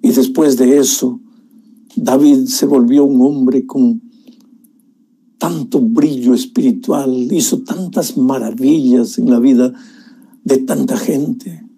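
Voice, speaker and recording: Male preacher, emotional storytelling sermon, dark mellow tone, slightly husky. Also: mid-range voice, steady tone, takes it slowly. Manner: emotional storytelling, addresses listener warmly as dear one.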